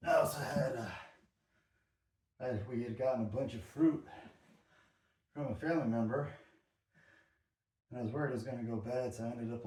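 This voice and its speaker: A man's voice: mid-range voice, warm tone. A man talking casually and conversationally in a rambling workout vlog. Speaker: workout vlogger. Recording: roomy echo, distant mic.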